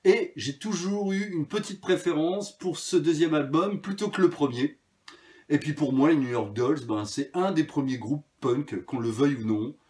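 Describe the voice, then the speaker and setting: A man's voice: on the high side, moderate pace, darkish tone. A man presenting his vinyl records in a casual video, talking freely with many hesitations and fillers. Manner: chatty, hesitant with frequent fillers.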